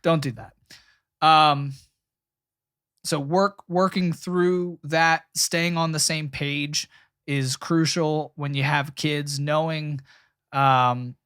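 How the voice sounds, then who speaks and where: Young male podcast co-host, lightly raised pitch, earnest advice, dry booth sound. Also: steady tone, slow pace, a bit bright, smooth, no room sound. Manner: earnest, emphatic advice with laughs. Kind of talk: casual chat about marriage and parenting.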